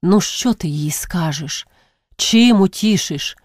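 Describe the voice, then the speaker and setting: A woman reading aloud and voicing a kind-hearted young village man with a soft, pleading way of talking that flares into curses. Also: on the low side, animated, takes it slowly, no room sound, clean studio sound. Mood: weary. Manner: tender and pleading, flaring into curses.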